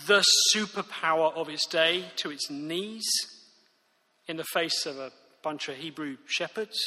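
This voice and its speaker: A man's voice: high-pitched, sharp tone. A man preaching a sermon, earnest and emphatic, returning again and again to key phrases. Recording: reverberant hall.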